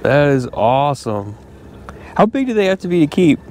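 A man chatting excitedly while fishing outdoors on a boat, cheering his catches. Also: on the high side, moderate pace, a little hiss or hum. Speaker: angler and channel host. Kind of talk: casual chat while fishing.

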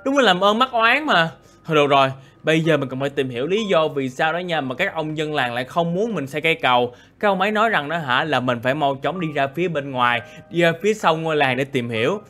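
A man narrating a Minecraft role-play, excitable and full of exclamations and asides to viewers. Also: a little high, quick pace. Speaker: gaming YouTuber.

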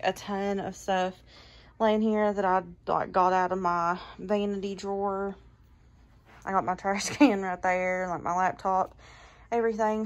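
A woman's voice: mid-range voice, a little mellow. A woman in her twenties chatting in a casual home vlog, rambling with lots of "like" and "so", filmed on a handheld phone in a small bedroom. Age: 20s. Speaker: vlogger. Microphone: phone camera held in hand.

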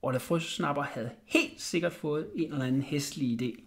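A man reading a children's bedtime story aloud in an expressive way. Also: fairly high pitch, creaky. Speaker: audiobook reader.

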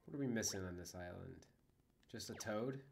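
A man chatting casually while playing a video game on stream, reacting out loud as he goes. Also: on the low side, normal speed, vocal fry. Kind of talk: casual gameplay commentary. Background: game music.

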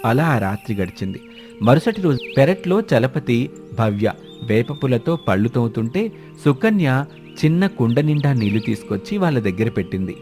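A man giving steady, measured scripted narration for an animated moral story. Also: mid-range voice, faint music behind.

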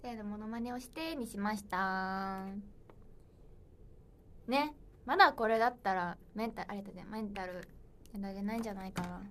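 A woman's voice: mid-range voice, brisk, pauses often, a bit bright, slight background noise. A young woman in her twenties hosting a solo livestream, chatting playfully and reading viewer comments aloud. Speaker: idol livestream host. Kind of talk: casual livestream chat.

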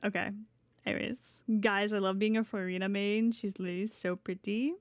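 A woman's voice: medium pitch, steady tone, fairly quick, no echo. A woman streaming casually as a VTuber, talking in a playful, giggly gamer-girl way with swearing, close on the mic. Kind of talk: casual live stream chat.

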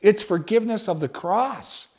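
A male pastor, preaching a sermon in an animated, conversational way, often restarting his sentences. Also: high voice, moderate pace.

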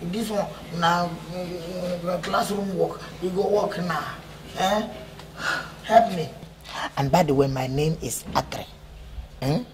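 A man's voice: high-pitched, slow pace, noisy background. An actor with a Nigerian accent playing a cheeky, lovestruck young male student who begs a girl to date him in rambling pidgin. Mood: pleading. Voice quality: pleading, playful, rambling. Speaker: student suitor. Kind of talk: comic film acting.

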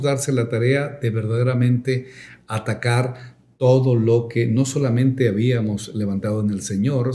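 Mellow-voiced pastor telling a testimony. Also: male voice, medium pitch. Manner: reflective storytelling with hesitant fillers, rising to emphatic preaching.

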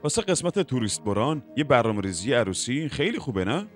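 A man's voice: mid-range voice, very animated, faint music behind, natural voice. A man dubbing a defiant younger brother arguing about the family company in a TV drama. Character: stubborn younger brother, brash businessman. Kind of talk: Persian dub of a TV drama.

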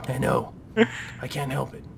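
A young man chatting excitedly while playing a co-op stealth game with a friend, sometimes slipping into a hushed voice. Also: medium pitch, normal speed, creaky, slight background noise. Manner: excitable, drops to a whisper while sneaking. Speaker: gaming co-host. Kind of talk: casual co-op gameplay commentary.

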